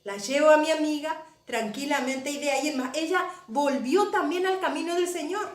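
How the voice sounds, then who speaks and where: High pitched lady pastor telling her story in a sermon, keeps repeating words for effect, echoey. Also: moderate pace. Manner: emotional storytelling, repeats phrases for emphasis. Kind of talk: testimony sermon. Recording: echoey room.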